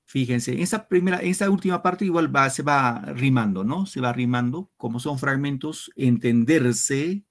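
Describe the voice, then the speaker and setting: A male teacher giving an online literature class, explaining slowly and step by step to his students. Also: medium pitch. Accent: Peruvian Spanish. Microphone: computer mic on a video lesson.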